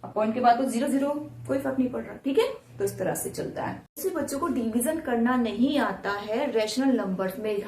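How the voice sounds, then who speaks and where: A woman math teacher explains math steps to students, patiently repeating each step and asking the class questions. Her voice is on the high side, brisk and darkish in tone. The sound is roomy, from a distant mic, with a little hiss or hum.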